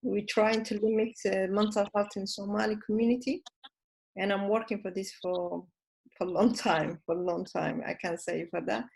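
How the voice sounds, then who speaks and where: A woman therapist introducing herself on an online panel call, speaking haltingly and searching for words. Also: medium pitch, steady tone, creaky, darkish tone, slightly rough, low-quality recording. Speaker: psychotherapist panelist.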